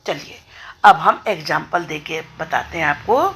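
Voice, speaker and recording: Slow, bright-voiced woman teaching grammar. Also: sits low, gravelly, slight background noise. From India. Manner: slow, deliberate explaining with repeated examples. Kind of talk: grammar lesson explained in Hindi.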